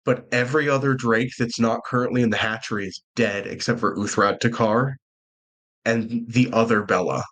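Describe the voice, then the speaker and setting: Guy dm narrating a tabletop game, casual, quick, laughs a lot. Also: mid-range voice, steady tone, fairly bright tone, poor audio. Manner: chatty, quick, laughs often. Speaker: dungeon master.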